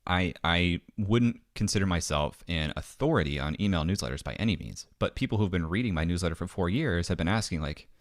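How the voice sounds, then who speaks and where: A man's voice: low voice, animated, a little fast, few pauses, no echo, studio quality. A man from the American Midwest, a podcast guest, chatting casually and animatedly, acting out little quoted dialogues. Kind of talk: casual interview chat. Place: home basement studio.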